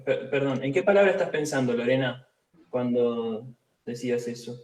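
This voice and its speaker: A man teaching a live online language class, explaining pronunciation slowly and patiently, syllable by syllable. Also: mid-range voice, darkish tone, echoey room, poor audio.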